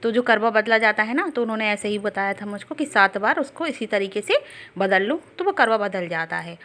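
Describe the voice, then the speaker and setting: A woman's voice: mid-range voice, lively intonation, fairly quick, fairly bright tone. A woman from Jhansi, chatting to camera as a family vlogger at home in a confiding, storytelling way. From Jhansi, India. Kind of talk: casual chat to camera.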